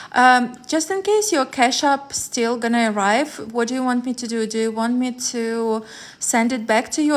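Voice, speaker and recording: A woman, chatting on a live stream as a tarot reader, rambling with many fillers and restarts. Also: on the high side. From Ukraine. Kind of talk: live-stream chat with viewers.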